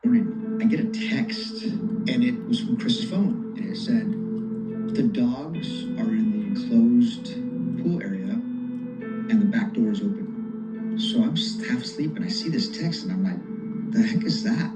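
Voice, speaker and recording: Man recounting events in an interview, lively delivery with acted-out quotes; echoey room, loud music bed. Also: fairly high pitch, unhurried. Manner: animated, acts out quoted dialogue. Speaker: former colleague recounting events. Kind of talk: interview storytelling.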